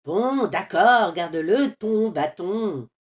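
A voice actor plays a bossy little cartoon chick who shouts and grumbles in a high, lively voice. He swings his pitch wide and pushes every line out loud. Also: slow pace. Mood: grumpy. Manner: shouty, grumbles when cross. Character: excitable young boy chick. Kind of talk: animated series voice acting.

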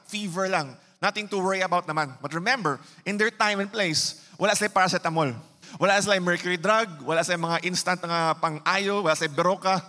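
Bright-voiced Filipino pastor with a Cebuano accent. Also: male voice, high-pitched. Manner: mixes English with Bisaya, conversational preaching with rhetorical questions. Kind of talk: sermon. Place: church hall. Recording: reverberant church hall.

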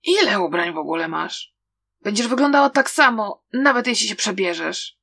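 A woman's voice: medium pitch, expressive, measured pace, a bit bright, no room sound. A woman voicing a cheerful but ruthless young man who taunts breezily. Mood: mocking.

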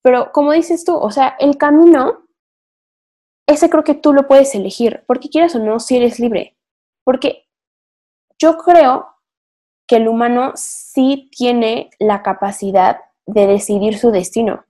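A young woman co-hosting a podcast rambles through a casual philosophical chat, thinking aloud with lots of fillers. Her voice is a little high and warm, and she keeps a measured pace.

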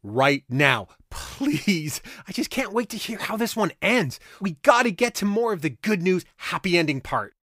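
Bubbly goofy co-host played by a woman, swooping lively pitch, unhurried, dry close sound. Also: no echo, exaggerated voice. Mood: eager. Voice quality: bubbly, over-the-top excitable. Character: excitable, goofy kids'-show co-host. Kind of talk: playful kids' show banter.

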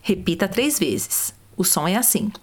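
Calm woman guiding a vocal warm-up. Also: medium pitch, measured pace, slightly rough. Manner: calm, step-by-step, demonstrates sounds. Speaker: voice coach. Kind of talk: guided vocal warm-up instructions.

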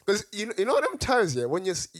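Young adult male, London roadman accent, slangy casual storyteller, slightly high voice, dry recording. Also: fast, dry recording. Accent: London, urban roadman slang style. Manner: slangy, animated reactions, repeats phrases.

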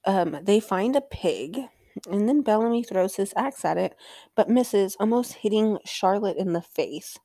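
A young woman recaps a TV episode in a loose, chatty way, often swearing and trailing off. Her voice has a gravelly fry to it. The recording is dry and close. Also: mid-range voice, expressive, unhurried, warm tone, dry recording. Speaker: recap show host.

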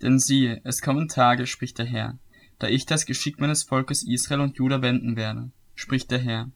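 A man reads a Bible passage aloud at a steady, measured pace. His pitch sits in the ordinary middle range. Now and then he slips on a word and corrects himself. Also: gravelly. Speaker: Bible reader. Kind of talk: reading scripture aloud.

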